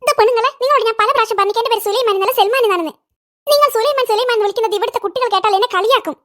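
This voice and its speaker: A woman's voice: extremely high pitch, rapid-fire, a bit bright. Salman, a cheeky cartoon boy. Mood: teasing. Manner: teasing, whiny complaints. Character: cheeky young boy, Salman, quick with teasing. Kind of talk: cartoon voice acting.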